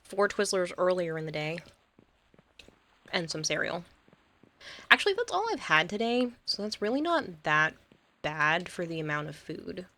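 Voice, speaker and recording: Woman game streamer, lower-pitched, rambling casual chat with viewers. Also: sing-song, moderate pace, long pauses, pushed and bright. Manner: chatty, rambling, laughs easily. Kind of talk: casual gameplay commentary and chat reading.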